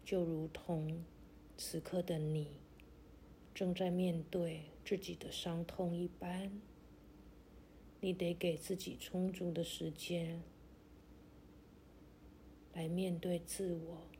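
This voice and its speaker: Woman, sleep-story meditation narrator, very slow, soothing, even low-key intonation, long pauses. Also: a little hiss or hum. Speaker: guided meditation host.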